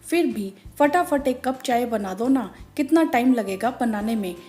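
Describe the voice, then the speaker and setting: Woman voicing an impatient hurried husband. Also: a little high, animated, dark tone, faint music behind. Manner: impatient, pushy.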